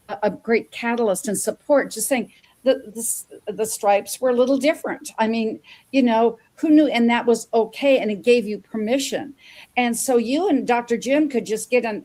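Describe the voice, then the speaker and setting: A woman hosts an interview show, speaking with an eager, upbeat energy. She often stumbles and repeats words mid-sentence. Her voice sits at an ordinary middle pitch. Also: darkish tone. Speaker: host. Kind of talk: interview host introduction.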